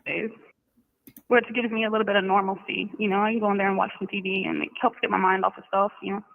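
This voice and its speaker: A woman from Georgia talking calmly over a prison phone line, rambling with fillers. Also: mid-range voice, fast talker, gravelly. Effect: heard over a prison phone line. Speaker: inmate on trial. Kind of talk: casual phone chat. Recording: tinny prison phone line with faint hiss.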